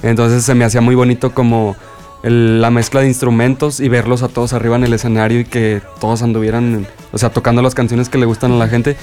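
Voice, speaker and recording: A man in his twenties, a member of a band, talking about his dreams in a relaxed, rambling way. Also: mid-range voice, quick pace, soft background music. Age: 20s. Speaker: band member, bajo quinto player. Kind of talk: casual interview talk.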